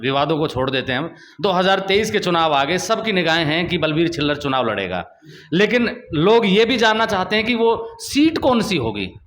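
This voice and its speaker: A man's voice: fairly high pitch, big pitch swings, normal speed, fairly bright tone. A male journalist interviewing a politician, asking pointed, confrontational questions.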